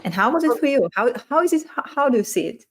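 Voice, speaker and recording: A woman's voice: sits high, big pitch swings, quick pace, a bit bright, slightly rough. Woman coach, reflective podcast talk. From Croatia. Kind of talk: casual podcast conversation.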